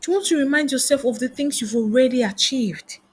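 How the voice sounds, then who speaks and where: A woman with a high, breathy-edged voice speaks fairly quickly as she gives a motivational lesson on careers. She coaches and trains professionally and fires off one rhetorical question after another.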